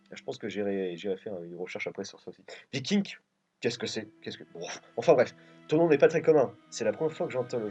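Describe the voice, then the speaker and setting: A man's voice: fairly low pitch, a little mellow, natural voice. A man reading aloud the lines of a confused young male hero who has lost his memory, in a bewildered, questioning manner. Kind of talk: reading game dialogue aloud. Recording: dull lo-fi recording.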